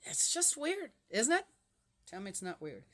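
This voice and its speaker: Her slightly high voice has big pitch swings and a fairly bright tone at normal speed. She's a Swiss woman in her sixties vlogging as she reads the Bible, chatting casually, drifting between topics and firing rhetorical questions at viewers.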